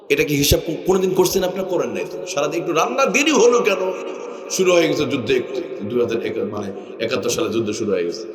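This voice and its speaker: A man from Bangladesh preaching an Islamic sermon to a crowd. He asks rhetorical questions and swings from raised, lively passages to hushed ones. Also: mid-range voice, echoey room, big-room sound, recorded from a distance.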